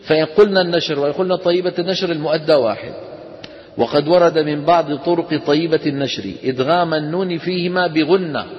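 A man, his voice pitched a little high, teaches recitation rules to a class. He explains patiently and keeps checking with his students. The sound is muffled and carries a long reverb. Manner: explains step by step, asks the class questions, chants Quran examples. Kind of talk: classroom lesson on tajweed.

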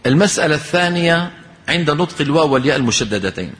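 A man teaching Quran recitation. He asks questions, answers them himself and slowly chants the verses he uses as examples. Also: fairly high pitch, lively intonation, fairly bright tone. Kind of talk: recitation lesson. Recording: long hall reverb.

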